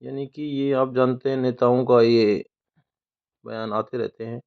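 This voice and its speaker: A man teaching English from newspaper headlines, who asks and answers his own questions and reads the English lines slowly, word by word. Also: mid-range voice, fairly even intonation, gravelly, clean tone. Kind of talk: explaining newspaper headlines and dictionary words. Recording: tinny phone-like audio.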